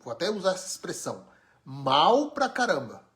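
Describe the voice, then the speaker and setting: A man's voice: fairly high pitch, wildly swooping pitch, normal speed, a bit bright. A man from Brazil, preaching an informal sermon with emphatic, wry rhetorical questions. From Brazil, born in Pernambuco, raised in São Paulo.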